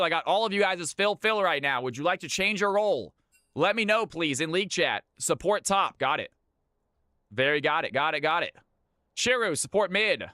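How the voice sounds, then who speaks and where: A man's voice: on the high side, pushed and bright, no room sound, studio quality. A man hosting a livestream of community games, chatting informally with viewers and often repeating his phrases. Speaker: livestream host running community custom games. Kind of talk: livestream chat and game-lobby announcing.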